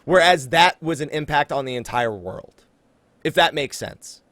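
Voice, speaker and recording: An expressive man with a voice on the high side runs a casual gaming podcast, emphatically hyping things up and speaking directly to his listeners. He moves at a normal speed with a slightly bright tone, and the recording is dry.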